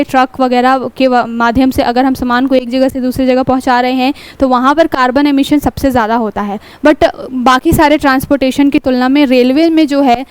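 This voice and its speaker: A woman gives a lecture with a high, smooth, resonant voice. She explains each point patiently and poses rhetorical questions before answering them herself. The sound is dry and close, with no room echo. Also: darkish tone. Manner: explanatory, rhetorical questions, mixes in English words. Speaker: exam prep teacher. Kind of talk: newspaper analysis lecture.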